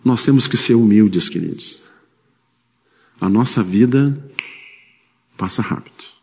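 A man's voice: on the low side, expressive, unhurried, in a large hall. A man preaching a sermon, telling a personal story in a conversational way with frequent tag questions.

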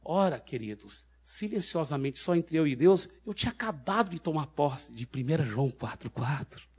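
A man preaching a sermon testimony, swinging dramatically between loud declarations and hushed lines. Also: fairly high pitch, animated, moderate pace, breathy edge.

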